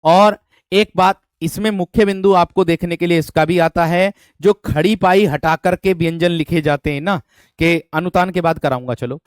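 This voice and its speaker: A man's voice: fairly high pitch, steady tone, moderate pace, clear, resonant tone, dry recording. A male teacher running an online exam-prep class, calling students "my friend" and repeating questions to drill them. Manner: addresses students as "my friend", asks for thumbs up.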